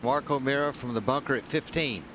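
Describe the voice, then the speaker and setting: A man's voice: mid-range voice, fairly quick. A man commentating on a golf tournament as a broadcast commentator. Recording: outdoor broadcast, clear ambient noise.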